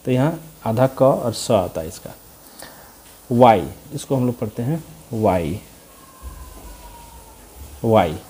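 Slow, husky man teaching letter sounds. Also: medium pitch, animated, mellow. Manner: drills each sound with call-and-response questions. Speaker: English teacher. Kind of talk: slow repetitive phonics lesson.

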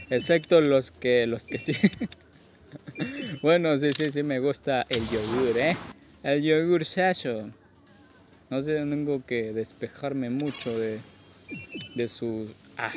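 A man's voice: mid-range voice, a little slow, noisy background. A tipsy man gives casual gameplay commentary as a host, rambling, repeating himself and joking crudely. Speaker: gaming video host.

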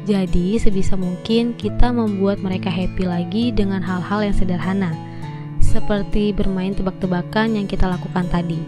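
A woman in her thirties narrates a family road trip over background music in a friendly, motherly way. Her voice sits at an ordinary middle pitch, and she explains things in an easy, unhurried manner. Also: fairly even intonation. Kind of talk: casual travel vlog narration.

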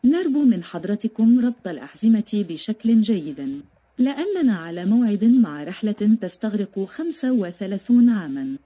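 A woman's voice: mid-range voice, very animated, moderate pace, dark tone, lo-fi sound. A woman narrator playing a female airline captain making a formal, polite cabin announcement to passengers. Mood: welcoming. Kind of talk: scripted narration.

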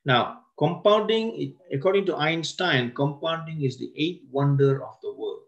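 A man presenting a wealth seminar as a lecture. He slows down to stress key words and often breaks off and restarts his sentences. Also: fairly high pitch, gravelly, highs cut off.

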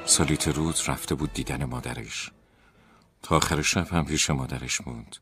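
A man from Tajikistan narrating horror stories with a measured, dramatic delivery, in a noisy recording with crickets outside. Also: very deep voice, vocal fry, fairly bright tone, soft background music. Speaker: storyteller. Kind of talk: scripted horror story narration. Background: crickets chirping.

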